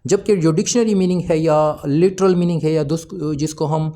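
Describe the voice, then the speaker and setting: A man with a fairly high, mellow voice teaches English exam answers. He asks his own questions and then answers them. He reads each English sentence slowly before explaining it. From Pakistan.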